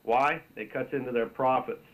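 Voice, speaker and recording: A man's voice: mid-range voice, steady tone, moderate pace, low-quality recording. Earnest male radio caller. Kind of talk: call-in talk radio.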